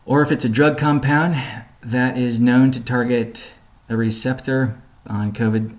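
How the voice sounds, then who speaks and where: A man walks through a company update during a conference call, measured and pausing deliberately as he explains. He speaks at a medium pitch with fairly even intonation.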